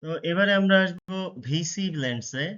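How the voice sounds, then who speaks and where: A man teaching English phonics, slowly sounding out letters and syllables one by one. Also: fairly high pitch, animated, a bit bright. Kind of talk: spelling and pronunciation drill. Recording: dull, lo-fi voice recording.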